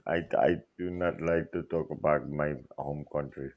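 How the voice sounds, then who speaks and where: A man from the United Kingdom phones in to a talk show. He trades deadpan, absurd jokes in broken English, and his voice sits very low. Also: moderate pace, gravelly, highs cut off. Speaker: caller, fellow podcaster. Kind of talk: joking call-in banter.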